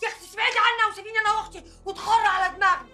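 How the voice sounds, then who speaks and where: An actress playing a hot-tempered young woman with an Egyptian accent, who snaps back fast in a family quarrel scene. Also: extremely high pitch, fairly even intonation, soft background music, heavily acted. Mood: angry. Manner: sharp, fast, rising to shouts.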